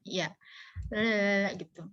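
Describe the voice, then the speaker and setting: Speaking very slowly, a woman with a medium-pitched voice that is clear, resonant and fairly bright leads a casual online class on public speaking. Her manner is playful and colloquial, full of jokes, in an interactive video-call session. The recording is dull, band-limited call audio.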